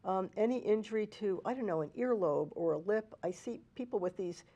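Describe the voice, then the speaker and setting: Warm mellow woman host, homeopath, explaining stuff with examples, easy chat. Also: mid-range voice, a little fast, dull audio. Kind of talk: casual explanatory conversation.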